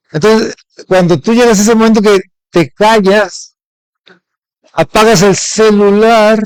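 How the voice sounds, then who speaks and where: A man's voice: high voice, darkish tone, no room sound, poor audio. A middle-aged Mexican man preaching a Sunday sermon as pastor, often asking his congregation questions. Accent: Mexican Spanish. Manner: asks the congregation frequent rhetorical questions.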